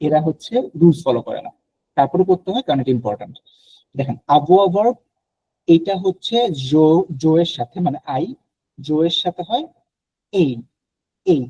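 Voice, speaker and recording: A man's voice: on the high side, dark tone, breathy edge, dry recording, muffled recording. A man from Bangladesh teaching a French class online, explaining patiently and mixing in English phrases.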